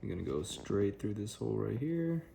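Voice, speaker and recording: Low-voiced man in a casual build walkthrough. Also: sing-song, normal speed. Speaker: hobbyist maker and vendor showing a DIY build. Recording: clear background noise.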